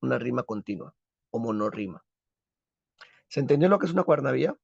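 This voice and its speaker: A man's voice: medium pitch, expressive, a little fast, gravelly, breathy edge, dry recording. A man teaching a literature class, who drills the students with questions and answers them himself. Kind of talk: recorded class lesson. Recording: dull lo-fi, dry.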